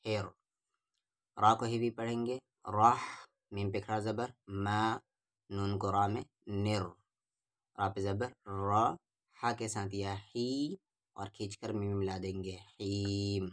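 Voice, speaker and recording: A man teaching Quran reading with tajweed, spelling out syllables one at a time and then reciting each verse slowly and drawn out. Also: lowish voice, level tone, fairly bright tone.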